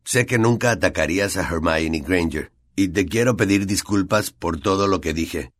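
A man's voice: deep voice, moderate pace, no echo, studio quality. A man voicing an earnest schoolboy in an audiobook, formal and apologetic.

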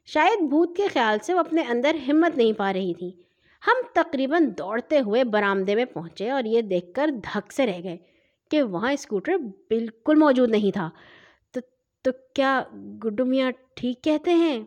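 A woman's voice: on the high side, dull audio. A woman narrating a children's audio story, reading expressively. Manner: expressive, acts out every character.

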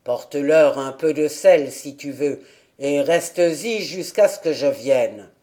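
An audiobook reader voicing a stubborn old mountain grandfather who speaks in a gruff, defiant, loud way. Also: mid-range voice, slow, close to an everyday voice. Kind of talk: audiobook character reading.

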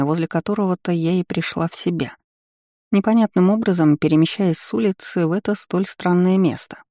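A woman reading a first-person novel aloud in an even, measured storytelling manner. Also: fairly low pitch, no echo, clean studio sound. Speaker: audiobook reader.

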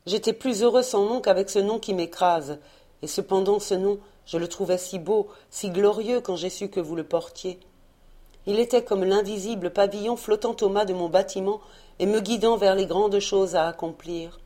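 A woman's voice: medium pitch, moderate pace, mellow, natural voice. A woman reading a passionate young sea captain. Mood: anguished.

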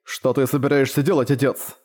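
A man's voice: medium pitch, flat delivery, fairly quick, a little mellow, lightly acted. A man voicing a flustered young male adventurer in a fantasy audiobook, asking agitated, pleading questions.

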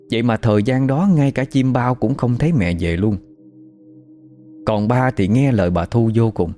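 A man narrates a first-hand story. His voice sits fairly low, with a mellow, soft tone. He tells it casually, like talking to a friend. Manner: casual, conversational retelling.

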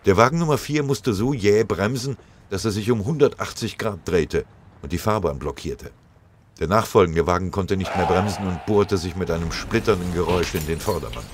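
Deep-voiced male audiobook narrator. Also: normal speed, slight background noise. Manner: dramatic, vivid storytelling.

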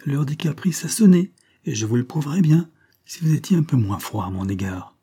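Casting: a man voicing a cheeky, flirtatious courtesan, raised pitch, husky dark tone, theatrical audiobook reading. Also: big pitch swings. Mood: teasing, brash. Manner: teasing, theatrical, quick-tempered.

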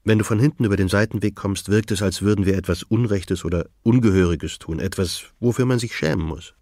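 A man reading an audiobook, voicing a calm, frank woman of about seventy in a slightly raised voice. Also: fairly low pitch, brisk, no room sound, clean studio sound, natural voice. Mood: firm. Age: 70s. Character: gentle, direct woman of seventy. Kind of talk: audiobook dialogue.

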